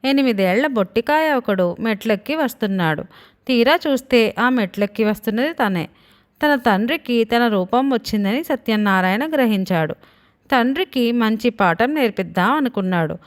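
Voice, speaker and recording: A woman storyteller reading a moral tale for children. She tells it steadily and expressively. Her voice sits a little high. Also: lively intonation, normal speed. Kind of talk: scripted children's story narration.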